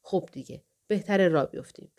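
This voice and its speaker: A woman voicing an elderly male scholar who is kind and grieving, speaking softly and affectionately. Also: on the low side, close to an everyday voice. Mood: gentle. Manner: soft, affectionate, slow.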